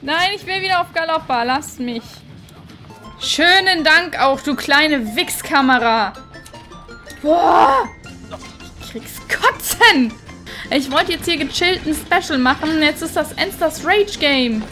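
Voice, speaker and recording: A woman giving casual gameplay commentary on a headset, excitable and swearing at the game. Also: sits high, takes it slowly, soft background music. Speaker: let's play gamer.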